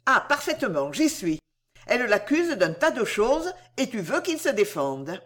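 A woman's voice: fairly high pitch, very animated, unhurried, fairly bright tone. A woman reading a story and voicing a teasing, touchy young man with sarcastic, mock-weary speech. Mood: mock-weary irritated.

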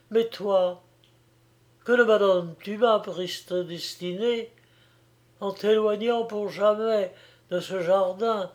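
A man reading an audiobook, voicing a gentle young woman who pleads tenderly and softly. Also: sits high, voice pushed up.

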